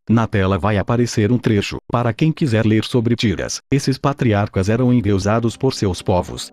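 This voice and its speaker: A man's voice: fairly low pitch, a little mellow. A synthetic, robotic male voice with a Brazilian accent, reading scripted explanatory narration. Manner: robotic, synthetic text-to-speech delivery.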